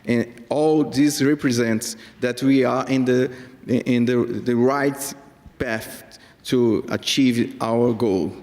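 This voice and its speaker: Panelist, male, Brazilian Portuguese accent, halting, mid pitch, big hall. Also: fairly even intonation, darkish tone. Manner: halting, searching for English words. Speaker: state secretary, panelist.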